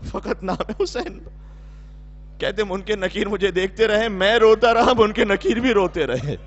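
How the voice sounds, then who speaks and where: Preaching a Muharram sermon in a Pakistani Urdu accent, a man pushes his very high voice into tearful, weeping cries of passion. The recording is dull and lo-fi.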